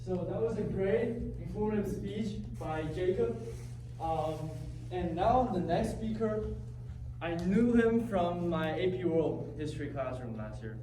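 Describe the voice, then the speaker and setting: A man's voice: high-pitched, measured pace, mellow, reverberant, distant mic, slight background noise, low-quality recording. A young man, a student, introducing the next speaker at a school event in an earnest, slightly hesitant way. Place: event hall.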